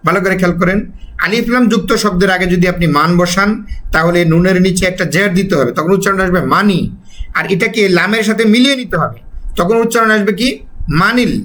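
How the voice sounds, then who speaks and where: A high-pitched man with a Bangladeshi Bengali accent gives an Arabic lesson. He works through it step by step, stretching out and repeating each example word as he drills it. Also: fast talker, fairly bright tone. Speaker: Arabic language teacher.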